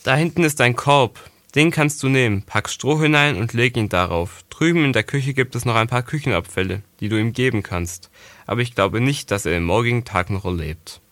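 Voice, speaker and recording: A man voicing a helpful young stable boy who gives brisk, practical advice in a storybook reading. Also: medium pitch, fairly bright tone, no room sound, natural voice.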